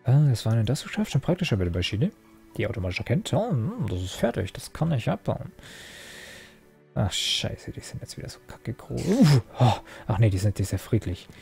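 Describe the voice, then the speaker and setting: A man's voice: medium pitch, sing-song, a little fast, gravelly, a little mellow, slightly rough, faint music behind. A young man commenting casually while he plays a video game, rambling and mocking himself, with many fillers and restarts. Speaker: Let's Play host.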